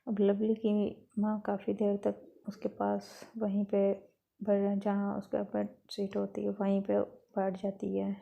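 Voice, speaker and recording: A woman storyteller narrating a romance story in a plain, steady retelling with small restarts. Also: medium pitch, unhurried, creaky, lo-fi sound.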